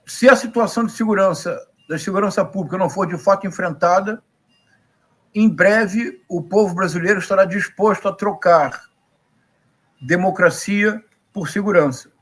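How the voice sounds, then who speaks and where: Man, Rio de Janeiro accent, high voice, didactic, emphatic, rhetorical questions, live political commentary. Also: normal speed, fairly bright tone. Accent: Rio de Janeiro Brazilian Portuguese. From Rio de Janeiro, Brazil.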